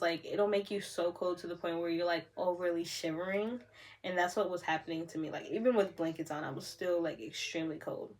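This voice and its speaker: A young woman talks straight to her camera in a relaxed storytime vlog. Her delivery is chatty and animated, full of casual "like" fillers. Her voice sits at an ordinary middle pitch for a woman. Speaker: vlogger.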